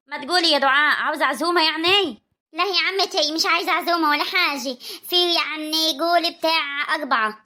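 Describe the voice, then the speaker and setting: A woman's voice: high-pitched, pushed and bright. A woman with a rural Egyptian accent playing a bossy older mother-in-law who scolds and orders the family about.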